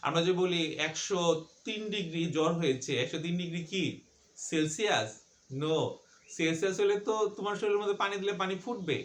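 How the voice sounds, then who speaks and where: A male teacher lectures on physics with a fairly high voice. He keeps asking questions and answering them himself, repeating each point so it sticks. The sound is roomy, with a clear echo. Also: a bit bright. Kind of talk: classroom lecture. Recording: echoey room.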